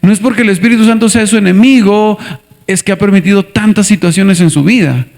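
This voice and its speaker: A man preaching a sermon as a pastor, animated, acting out little scenes and asking the congregation to answer back. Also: high voice, brisk, creaky. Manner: animated, asks the congregation for responses; acts out scenes with character voices. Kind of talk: lively sermon with acted skits.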